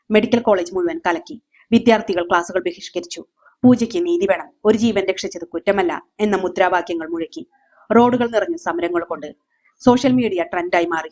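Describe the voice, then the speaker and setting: Low-voiced woman storyteller. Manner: measured, dramatic pauses. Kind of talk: scripted dramatic story narration.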